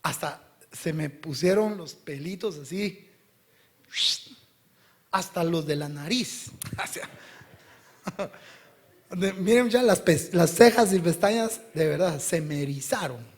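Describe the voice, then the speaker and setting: High-voiced dramatic male preacher. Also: animated, slow pace, long pauses. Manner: dramatic, swinging from loud to hushed; talks directly to the listener. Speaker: pastor. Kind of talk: sermon.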